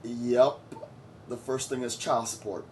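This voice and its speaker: A man's voice: medium pitch, level tone, measured pace, darkish tone, slight background noise. A man in his forties from Trinidad and Tobago, giving blunt, boastful opinion commentary to his viewers. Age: 40s. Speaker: vlogger.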